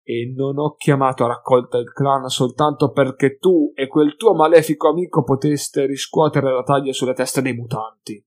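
A man's voice: mid-range voice, fairly even intonation, normal speed, hardly any pauses, close to an everyday voice. A man voicing a sly, suspicious male mutant pack leader who taunts his enemies in an emphatic, sneering way. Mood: taunting.

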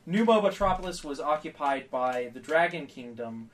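A man's voice: fairly high pitch, lively intonation, moderate pace, distant mic. A man co-hosting a casual podcast chat, teasing his friends and laughing while he talks. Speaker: podcast co-host.

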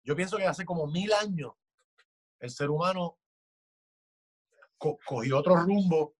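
Man, fairly high voice, heated casual talk with frequent swearing. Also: a little slow, husky. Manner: passionate, swears often, acts out quoted voices. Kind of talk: casual chat.

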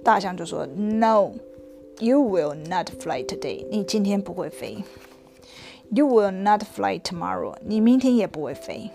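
A woman voicing a cautious male elephant in a storybook read-aloud, slow and firm. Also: lively intonation, gravelly, dark tone, soft background music. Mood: stern. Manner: slow, firm, lowered delivery. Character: cautious, stern elephant, a grown-up male friend.

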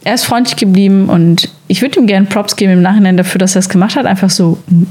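A young woman from the Sauerland co-hosting a podcast, telling a story in casual chat with many fillers and quick laughs. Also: mid-range voice, steady tone, darkish tone. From Sauerland, Germany. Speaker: podcast co-host.

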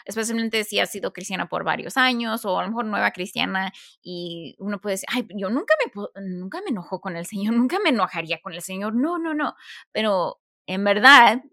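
A woman co-hosting a faith-based podcast chat, animated, acting out quoted thoughts and putting questions to her listeners. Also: medium pitch, vocal fry, no echo, clean studio sound. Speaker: podcast co-host.

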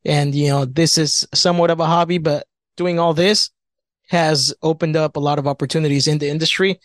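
A man talking casually as a podcast guest. His voice is a touch high for a man and the sound is dry and close. He rambles, restarts and leans on fillers. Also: steady tone, brisk, dry recording. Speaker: bartender, guest.

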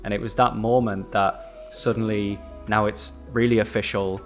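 Low-voiced young man musing casually. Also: flat delivery, moderate pace, soft background music. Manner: reflective, rambling, laughs easily. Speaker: podcast co-host. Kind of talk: casual chat.

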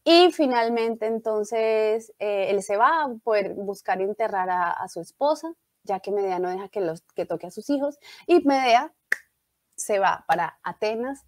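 A young woman casually retelling a tragedy, lively and acting out the lines she quotes. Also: medium pitch, a little slow, no room sound. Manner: animated storytelling, acts out quoted lines.

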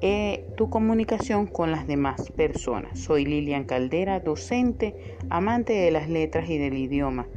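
A woman teacher giving a scripted spoken lesson, with a clear, measured delivery that slows down to stress key words. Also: low-pitched, expressive, muffled recording, noisy background.

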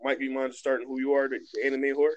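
A man's voice: medium pitch, flat delivery, racing, dull audio, crowd noise. A man hosting a casual anime podcast, talking in a loose, rambling, slangy way. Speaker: podcast host. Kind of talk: casual chat.

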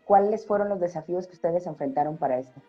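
A woman's voice: on the low side, fast, slightly rough, lo-fi sound, soft background music. A woman hosting an interview, keeping it moving with brief encouraging prompts. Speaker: host.

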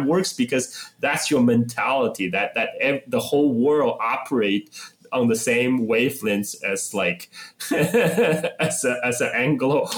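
A man in casual political discussion as a podcast co-host, speaking in a halting, opinionated, conversational way. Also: medium pitch.

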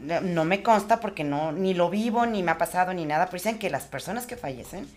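A woman, a podcast co-host chatting casually, with quick skeptical and joking remarks. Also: lowish voice, lively intonation, darkish tone. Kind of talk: casual chat.

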